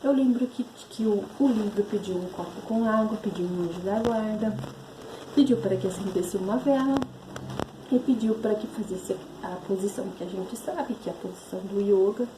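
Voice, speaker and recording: A woman's voice: medium pitch, moderate pace, background noise. A woman, telling a personal spiritual story in a rambling, self-correcting way. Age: 30s. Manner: rambling, self-correcting, re-enacts inner voices. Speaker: spiritual channel host.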